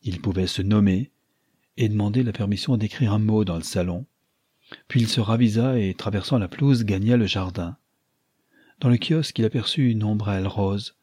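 A man narrating an audiobook in a calm, measured reading. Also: lowish voice, breathy edge, no room sound, studio quality.

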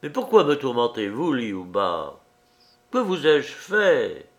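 A man's voice: medium pitch, huge pitch swings, slow, heavily acted. A man doing a stammering, self-righteous young man. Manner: stammering, then shouting insults.

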